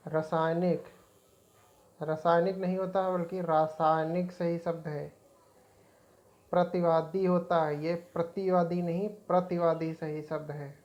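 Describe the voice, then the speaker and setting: A woman's voice: on the low side, little pitch movement, measured pace, a little mellow, muffled recording. A woman teaching an exam-prep spelling lesson, repeating each word as she points out right and wrong forms.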